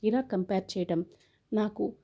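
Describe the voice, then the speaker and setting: A woman's voice: mid-range voice, unhurried, dull audio. A woman reading the lines of a proud, defiant young man who calls off his wedding, in a scornful, lecturing way.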